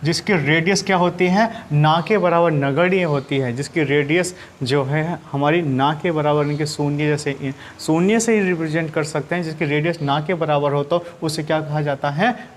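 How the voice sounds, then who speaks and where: A man's voice: fairly high pitch, moderate pace, hardly any pauses, a little hiss or hum. A man teaching maths to schoolchildren in Hindi-accented speech, who asks questions, answers them himself and keeps repeating his points. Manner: often calls students "children". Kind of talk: classroom lesson to children.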